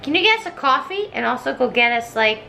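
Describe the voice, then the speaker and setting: A woman's voice: sits high, quick pace, vocal fry, slight background noise. A woman rambling drunkenly through a comic retelling in casual slang, acting out the characters as she goes. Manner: tipsy, rambling drunken delivery; animated, acts out characters in slangy dialogue. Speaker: storyteller.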